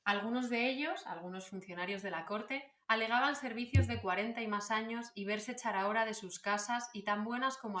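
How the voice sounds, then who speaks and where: Spanish-accented woman from Salamanca, podcast co-host, echoey room. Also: mid-range voice. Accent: Spanish from Spain. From Salamanca, Spain. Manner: quick reactive interjections, steady reading aloud. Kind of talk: casual history podcast chat. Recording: roomy echoing room.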